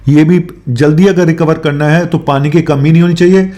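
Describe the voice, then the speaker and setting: On his health show, a doctor with a fairly high but dark-toned voice explains things informally at a normal speed and a steady tone. He mixes English medical terms into his speech and keeps adding tag questions.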